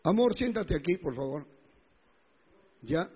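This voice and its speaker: A man's voice: fairly high pitch, very animated, a little slow, breathy edge. A male pastor preaching a sermon emphatically, with rhetorical questions and repetition. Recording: echoey hall, dull lo-fi sound.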